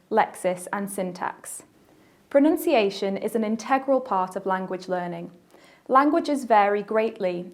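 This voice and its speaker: A woman with a British accent giving a scripted, measured teaching narration for a language course, pausing to let listeners reflect. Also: medium pitch, darkish tone. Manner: measured, clear teaching delivery with pauses for reflection.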